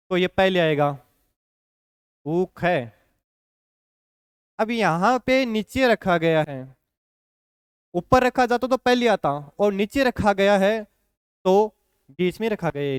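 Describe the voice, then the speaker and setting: High-voiced man teaching slowly. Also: lively intonation, clean tone, no room sound, studio quality. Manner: patient, repeats points with frequent "ठीक है" check-ins. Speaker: shorthand teacher. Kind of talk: classroom lesson explanation.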